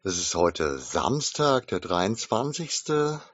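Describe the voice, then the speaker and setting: A man's voice: fairly low pitch, sing-song, slow, fairly bright tone, slightly rough, no echo, dull audio. A man hosting his own podcast from inside his shop, speaking thoughtfully in a casual monologue. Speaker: game shop owner and podcast host. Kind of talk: casual spoken podcast monologue with book reading.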